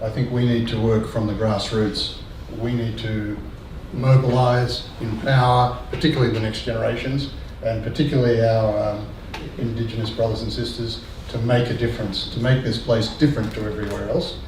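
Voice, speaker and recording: A man's voice: lowish voice, little pitch movement, moderate pace, few pauses. An older man speaking earnestly on a discussion panel, hesitating with frequent ums and restarts. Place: lecture room. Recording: echoey room, distant mic, faint noise.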